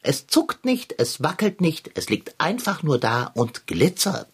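A woman's voice: sits low, big pitch swings, a little slow, noisy background. A woman playing a prim, pompous house cat in a children's radio play, talking in a sniffy, know-it-all way. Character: fussy, pompous house cat named Long John.

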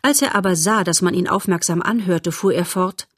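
A woman reading a children's novel aloud as narrator, in a steady, expressive storytelling manner. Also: on the low side, normal speed, breathy edge, no room sound, clean studio sound.

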